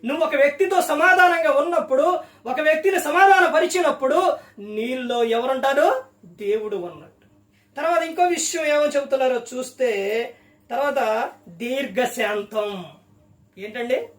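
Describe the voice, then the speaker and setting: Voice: high-pitched, normal speed, long pauses, echoey room, far from the mic. A preacher giving a sermon, firing rhetorical questions at the listener.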